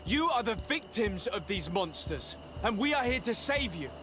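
Earnest calm video game hero, higher voice, music going behind. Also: male voice, normal speed. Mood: earnest, persuasive. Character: calm, earnest, compassionate male hero and negotiator.

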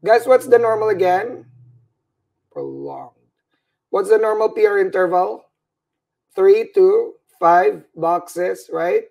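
Slow and very animated, with long pauses, a high-pitched, slightly mellow voice with vocal fry delivers a livestreamed EKG class. The speaker is a weary middle-aged Filipino nurse educator, English his second language, who teaches by webcam and repetitively asks "right?" and "all right?" to check in.

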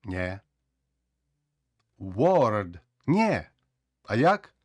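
A man teaching English pronunciation, lively, who says words slowly and repeats them often. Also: fairly low pitch, no room sound, clean studio sound. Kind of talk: explaining pronunciation rules.

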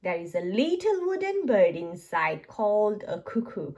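A woman voicing a gentle, kind mother pig in a children's storybook, in a soft, calm voice. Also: medium pitch, measured pace, highs cut off. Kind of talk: children's storybook read-aloud.

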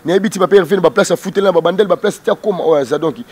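In a heated street interview held on an outdoor porch, a Kinshasa man from the Democratic Republic of the Congo speaks for his music group in Lingala blended with French. He talks very rapidly in a fairly high, darkish voice, combative and emphatic, repeatedly pounding the same word. The interviewer holds a handheld microphone.

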